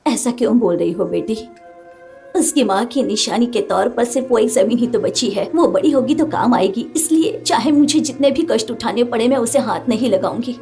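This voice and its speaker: A woman voicing a gentle, weary old grandmother who speaks softly. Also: fairly high pitch, moderate pace, vocal fry. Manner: soft, pleading, gentle. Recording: music playing under dialogue.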